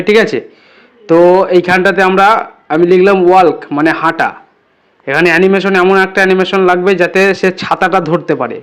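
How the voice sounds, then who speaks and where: This is a high-pitched, smooth male voice belonging to a tutorial host. He walks listeners through an informal lesson step by step, repeatedly making sure they understand.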